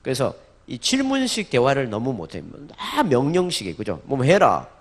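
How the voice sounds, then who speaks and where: Animated Gyeongsang man preaching. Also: mid-range voice, a little fast. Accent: Gyeongsang Korean. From Gyeongsang region, Korea. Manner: animated, acts out dialogue in varied voices, leads call-and-repeat. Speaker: church lecturer. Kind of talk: sermon lecture to a congregation. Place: church in Busan.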